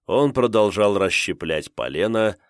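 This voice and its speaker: A man reading an audiobook as narrator in steady, tense storytelling. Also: lowish voice, a little slow, dry recording, studio quality.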